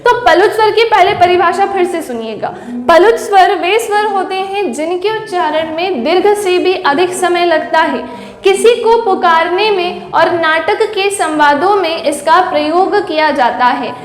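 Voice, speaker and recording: A woman's voice: extremely high pitch, unhurried. A woman teacher giving a grammar lesson, who keeps asking the class questions and then answering them herself. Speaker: Hindi teacher. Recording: echoey room with long reverb.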